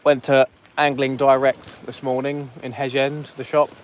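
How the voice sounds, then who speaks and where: A man's voice: medium pitch, little pitch movement, a little slow. Chatty guy fishing live on the beach at dusk, phone mic, bit of faint noise behind, bantering with chat. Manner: jokey, chatty, banters with viewers. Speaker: fishing livestream host. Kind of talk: casual live commentary to chat.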